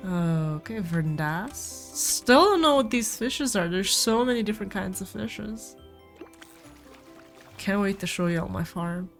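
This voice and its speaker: Expressive and unhurried, a woman with a mid-range voice gives relaxed commentary on a farming game despite having a cold. She addresses her stream viewers while faint music from the game plays.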